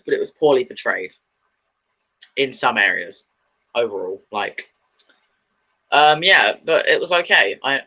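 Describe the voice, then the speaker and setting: A man's voice: medium pitch, bright, forceful tone, highs cut off. A man chatting casually about his opinions, rambling and enthusiastic, with many fillers and restarts. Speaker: video host.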